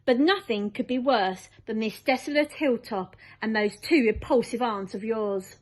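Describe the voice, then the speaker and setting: Woman voicing a higher-pitched, kindly storybook ladybird. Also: moderate pace, natural voice, poor audio. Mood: earnest, reassuring. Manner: earnest, explanatory, reassuring. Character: kind, reassuring motherly female ladybird, chatty explainer.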